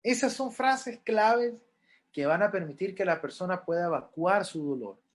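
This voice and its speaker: A man's voice: high-pitched, animated, normal speed. A middle-aged man, a pastoral counselor, lecturing a class on grief in an earnest way, repeating key points and acting out what people say.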